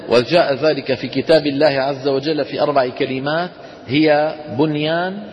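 A man, his voice pitched a little high, teaches recitation rules to a class. He explains patiently and keeps checking with his students. The sound is muffled and carries a long reverb. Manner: explains step by step, asks the class questions, chants Quran examples. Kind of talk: classroom lesson on tajweed.

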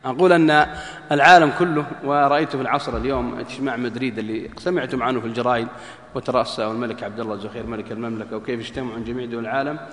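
A man's voice: mid-range voice, racing. A man preaching, telling stories and acting out dialogue, joking with a live audience. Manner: lively, jokes with the audience, acts out dialogue. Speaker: preacher giving a lecture. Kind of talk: religious lecture with storytelling. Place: lecture hall with live audience. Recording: echoey hall.

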